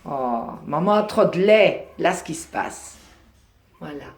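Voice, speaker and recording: A woman's voice: sits low, lively intonation, measured pace. A woman filming a litter of puppies on her phone at home, explaining who is who and cooing fondly at them. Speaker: dog breeder showing a litter of puppies. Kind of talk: casual phone video commentary. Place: indoors at home, near a radiator. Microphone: phone held in hand.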